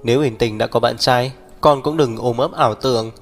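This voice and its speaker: A man voicing a blunt, teasing middle-aged mother in a brisk, scolding manner. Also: mid-range voice, natural voice. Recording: long reverb, faint background music.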